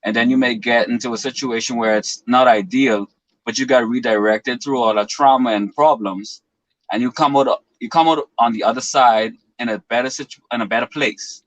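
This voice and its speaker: A man's voice: medium pitch, fairly even intonation, normal speed, fairly bright tone, no room sound, low-quality recording. Earnest man in his twenties. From Bahamas. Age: 20s. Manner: earnest, philosophical, long winding explanations. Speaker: guest. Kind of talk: reflective interview talk.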